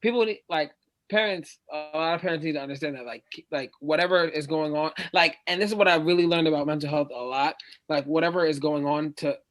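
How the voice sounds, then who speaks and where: A man's voice: on the high side, brisk, fairly bright tone. A young man on a discussion panel, talking casually and filling his speech with "like" over and over. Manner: casual, fills with "like" constantly.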